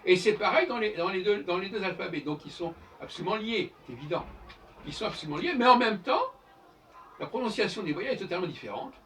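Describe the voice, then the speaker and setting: A man's voice: sits high, animated, fast talker, a bit bright. A man giving an informal lecture as host of his own channel, explaining in a professorial way and spelling out examples letter by letter. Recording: distant mic with faint background noise.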